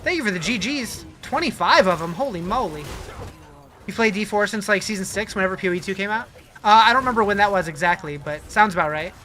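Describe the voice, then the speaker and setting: This livestreamer has a mid-range voice that's bright and forceful, and talks fast while gaming and casually answering viewer questions. Faint music plays in the background.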